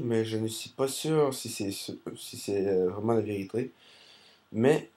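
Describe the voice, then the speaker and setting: A man's voice: medium pitch, warm tone. A man with a Québécois accent giving rambling, hesitant commentary over recorded gameplay. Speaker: gaming commentator.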